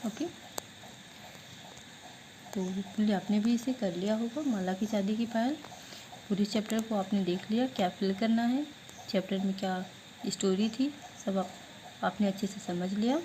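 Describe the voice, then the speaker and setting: A woman teacher giving an online class lesson, who asks questions and answers them herself, drilling words slowly syllable by syllable. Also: medium pitch, warm tone, a little hiss or hum, rough recording.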